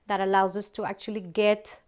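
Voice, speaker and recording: A woman's voice: mid-range voice, flat delivery, a little fast, a little mellow, smooth. A middle-aged woman from Colombia, a company founder, casually presenting a cooking recipe in a large open kitchen, chatty with many ums and restarts.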